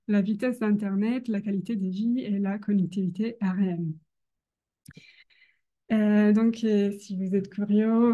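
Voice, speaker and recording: A young woman with a foreign accent, a non-native speaker, gives an academic presentation hesitantly, often pausing to search for words. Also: mid-range voice, dark tone. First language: not French. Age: young adult. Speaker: doctoral researcher presenting.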